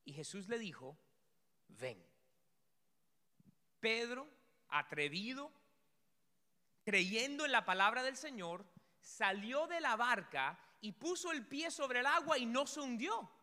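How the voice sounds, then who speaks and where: Animated high-voiced man preaching in a reverberant hall. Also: unhurried. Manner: animated, acts out story scenes and shouts. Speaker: pastor. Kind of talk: sermon.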